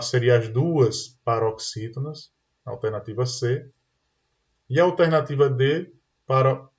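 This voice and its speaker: Brazilian man explaining a grammar lesson. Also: mid-range voice. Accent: Brazilian Portuguese. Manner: explanatory, tag questions "tá?" and "né?". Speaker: teacher. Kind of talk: online exam-prep lesson. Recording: dull lo-fi sound.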